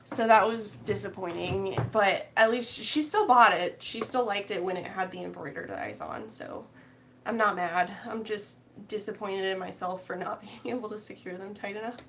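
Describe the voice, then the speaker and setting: A woman's voice: mid-range voice, normal speed, gravelly, a bit bright, slight background noise. A woman chatting casually with live viewers while she crochets, rambling and reading out their comments. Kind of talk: casual crochet-along chat.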